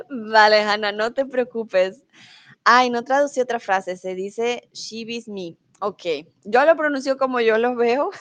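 A woman's voice: fairly high pitch, a bit bright. A woman teaching Spanish on a casual livestream, reading viewers' comments aloud, laughing often and trying out foreign words with hesitation.

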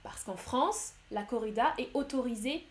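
A young woman teaching French on a live stream, speaking slowly and clearly, explaining words with simpler synonyms and answering viewers' chat. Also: on the high side, expressive. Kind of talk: live-streamed language lesson, reading chat.

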